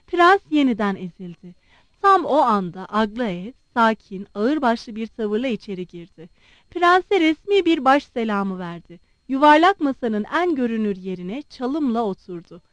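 High, lively woman narrating a novel. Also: a little slow, no room sound. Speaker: audiobook narrator. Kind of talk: novel reading.

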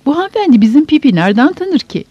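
A woman voicing a meek, gentle, simple village man who speaks timidly and mildly, in a dull, dry audiobook recording. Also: sits high, very animated, quick pace, dry recording, voice pushed up. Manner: timid, mild, hesitant.

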